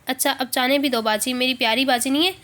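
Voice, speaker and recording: A woman's voice: high voice, steady tone, fairly bright tone. A woman reading the part of a headstrong young woman who complains and pouts. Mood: sulky. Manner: complaining, pouting. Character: headstrong young woman, sulky and quick to anger.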